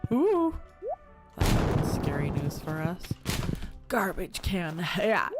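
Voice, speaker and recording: A woman's voice: low-pitched, slow, loud music behind the voice. A woman live-streaming a farming game, chatting casually with viewers and reading their messages aloud, sympathetic and swearing freely. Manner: talks to chat directly, reads messages aloud.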